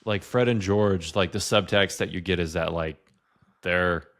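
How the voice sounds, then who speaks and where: A man's voice: sits low, fairly even intonation, a little slow, a bit bright. A man co-hosting a podcast, chatting casually and rambling with lots of "like" fillers. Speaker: podcast co-host. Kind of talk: casual chat.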